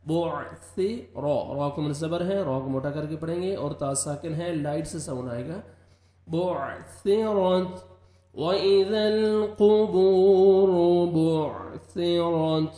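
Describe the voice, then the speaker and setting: A man's voice: fairly high pitch, darkish tone. Man teaching Quran recitation, echoey room. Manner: quick explanations, slow drawn-out recitation. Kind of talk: tajweed recitation lesson.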